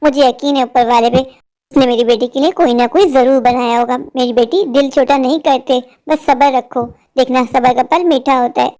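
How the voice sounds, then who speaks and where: A woman voicing a worried, loving widowed mother of two daughters in a cartoon story, speaking quickly and pleadingly. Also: high-pitched, steady tone, darkish tone, close to an everyday voice. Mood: tender.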